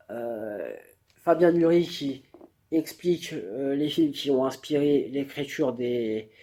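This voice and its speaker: A man's voice: mid-range voice, dark tone. A man giving a spontaneous face-to-camera book review, hesitating often with fillers and restarts. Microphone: camera mic.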